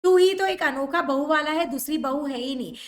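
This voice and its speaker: Lady reading out an angry old mum, shrill scolding, high voice. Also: moderate pace, natural voice. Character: angry jealous old mother-in-law scolding her son.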